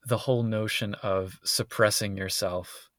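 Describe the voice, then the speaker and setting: A man's voice: on the low side, fairly even intonation, measured pace, fairly bright tone, no echo, studio quality. A man co-hosting a podcast in casual conversation, recorded inside a closet at home. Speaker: podcast co-host.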